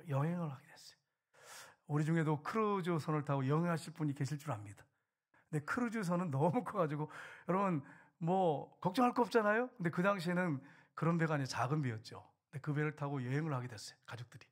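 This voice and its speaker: A middle-aged male pastor preaching a sermon, asking the congregation questions and swinging between loud and hushed. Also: fairly high pitch, fast talker. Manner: preaching with rhetorical questions and acted quotes, voice rising and dropping.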